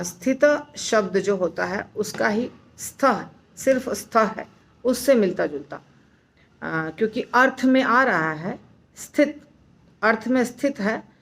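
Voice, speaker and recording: A woman teaching recitation, explaining slowly and patiently, repeating words syllable by syllable and reassuring her students. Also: mid-range voice, creaky, a little hiss or hum. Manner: reassuring, instructive. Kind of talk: slow explanatory lesson.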